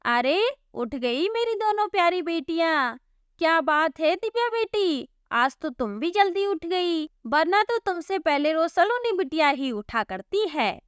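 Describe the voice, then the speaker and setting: A woman voicing an affectionate middle-aged farmer father in a storybook cartoon, gentle and teasing. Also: very high voice, sing-song, a little slow, no echo, studio quality, heavily acted.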